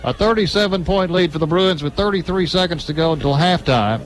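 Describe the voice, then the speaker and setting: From the broadcast spot at a high school stadium, an American announcer gives live radio play-by-play of the football game, his clipped patter building whenever a big play happens. He talks a little fast in a high-sitting voice, captured on a low-quality recording.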